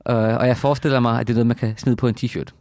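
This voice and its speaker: A man hosting an interview in a hesitant, reflective way, often pausing to search for words. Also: medium pitch, flat delivery, a little mellow, dry recording, clean studio sound. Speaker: podcast host and author.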